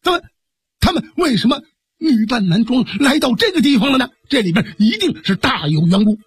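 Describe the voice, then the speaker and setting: A shrewd, quick-witted hero gives brisk orders, voiced by a male storyteller. The voice sits high and husky, with lively swings in pitch. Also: heavily acted. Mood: puzzled. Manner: brisk, commanding.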